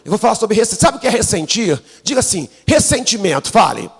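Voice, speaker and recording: Gravelly Brazilian pastor preaching in a hall. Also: male voice, big pitch swings, quick pace. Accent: Brazilian Portuguese. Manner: call-and-response preaching, prompting the congregation to repeat; swings from low asides to shouted climaxes. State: unwell, preaching through it. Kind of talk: sermon. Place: church sanctuary. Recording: live church sound with long hall reverb.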